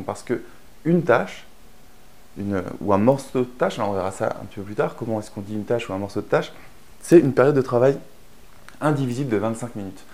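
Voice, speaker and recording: A French man with a mid-range, slightly mellow voice teaches a productivity method in an online course. The narration is explanatory and chatty, dotted with frequent fillers and restarts.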